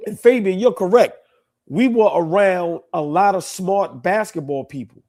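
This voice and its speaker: Co-hosting a casual sports talk show, a man makes his points emphatically, leaning on rhetorical questions and a frequent "right?". His voice sits high, a little slow and a little mellow.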